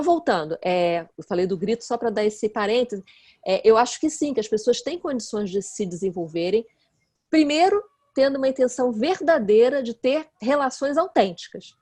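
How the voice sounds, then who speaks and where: A woman, a guest expert who explains her ideas earnestly in relaxed conversation and often checks in with her listener. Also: a little high. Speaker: guest expert in nonviolent communication.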